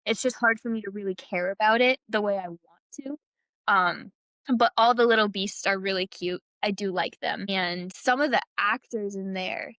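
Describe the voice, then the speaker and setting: A woman co-hosting a casual podcast, talking in a loose, rambling way with frequent laughs. Her voice sits at an ordinary middle pitch. It is recorded close and dry, with no room sound. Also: fairly bright tone, no echo. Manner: chatty, rambling, laughs often. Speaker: podcast co-host.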